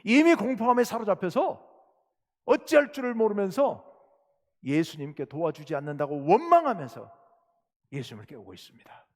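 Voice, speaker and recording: A man's voice: sits high, sing-song, moderate pace, pauses often. A male pastor preaching a Sunday sermon who asks the congregation questions and urges them on. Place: church sanctuary. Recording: long church reverb.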